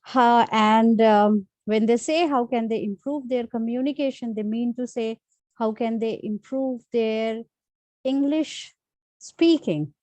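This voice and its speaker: In a dry recording, a female channel host from India talks to camera in a slow, slightly high voice with a dark tone. Her first languages are Hindi and Urdu and she has an Indian accent; the tips lesson is informal and unscripted, with lots of fillers and restarts.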